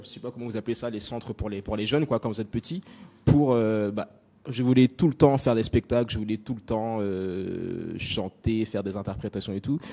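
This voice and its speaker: On a conference stage, a young adult man from France delivers a personal talk as an invited speaker, speaking directly and casually with lots of fillers. His voice has a medium pitch and a dark tone.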